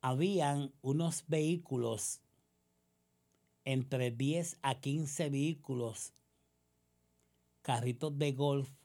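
Her rumbling low, dark voice moves slowly, with long pauses. This Puerto Rican-accented political commentator gives a combative monologue that is sarcastic, accusatory and riddled with rhetorical questions.

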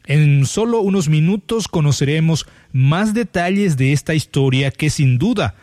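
A male host introduces his show and guest in a formal, courteous way. His voice sits a little high. The sound is close and dry. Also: animated, moderate pace, darkish tone, no echo. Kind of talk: scripted interview hosting.

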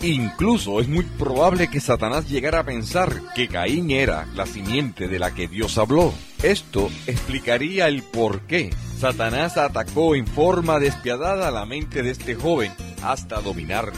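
Expressive man narrating a Bible story. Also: medium pitch, unhurried, over music.

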